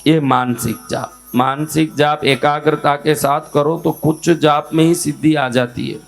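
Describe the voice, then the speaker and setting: Male spiritual teacher, unhurried lecturing pace, slightly raised pitch, asks the listeners questions and answers them himself. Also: steady tone, creaky, faint music behind. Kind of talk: devotional teaching talk.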